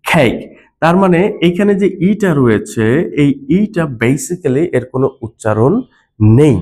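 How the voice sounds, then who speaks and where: A man's voice: fairly high pitch, big pitch swings, measured pace, mellow. Man teaching phonics. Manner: spells words out letter by letter, patient explaining. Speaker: English teacher. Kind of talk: phonics lesson explained to learners.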